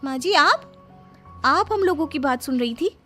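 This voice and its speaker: A woman's voice: sits high, animated, measured pace, a bit bright, faint music behind. A woman voicing a cheeky young daughter-in-law in a cartoon, coaxing and whiny about mangoes.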